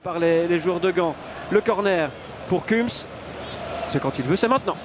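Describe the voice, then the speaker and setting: A man's voice: high voice, animated, moderate pace. A man calling a football match live alongside a co-commentator. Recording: noisy stadium ambience.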